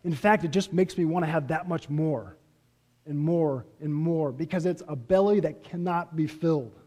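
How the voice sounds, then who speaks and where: A man preaching a sermon as pastor, earnest, pressing his points and then letting them fall away softly. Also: a little high, normal speed. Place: church sanctuary. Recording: reverberant church hall.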